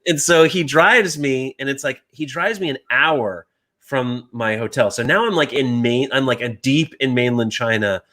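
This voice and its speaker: A man in his thirties from the US tells stories in a casual chat. He talks animatedly and jumps high in pitch when he acts out what other people said. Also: normal speed, bright, forceful tone.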